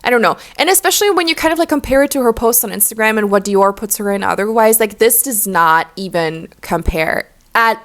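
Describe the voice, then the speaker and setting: A young woman in her twenties talks in a loose, chatty way, packing her lines with "like" fillers. Her voice sits a little high. She gives blunt, opinionated takes in an easygoing vlog manner. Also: expressive, fairly quick, hardly any pauses, a bit bright. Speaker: YouTuber. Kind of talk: casual chat. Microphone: laptop.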